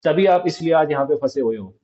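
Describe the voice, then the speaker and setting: A man's voice: fairly high pitch, fairly quick, mellow, muffled recording. A man giving an informal motivational talk, coaching his listeners and checking in with them as he goes. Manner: informal, coaching, asks "ठीक है?" often. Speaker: motivational speaker.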